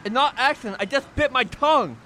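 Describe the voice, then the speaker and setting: A man's voice: extremely high pitch, fairly quick, bright, forceful tone, soft background music, pitched above the performer's own voice. A man voicing a grumpy male shopkeeper who talks in blunt, broken grammar.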